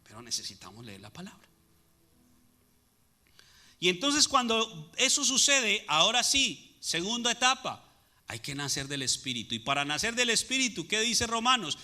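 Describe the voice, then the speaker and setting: A man's voice: high voice, very animated, moderate pace, sharp tone. A man preaching a sermon as pastor, asking the congregation rhetorical questions and answering them. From Latin America.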